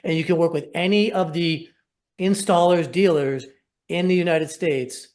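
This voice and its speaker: A man's voice: a little high, moderate pace, a little mellow. A man hosting a casual sales webinar over a video call, talking in an upbeat, persuasive and rambling way. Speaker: program host.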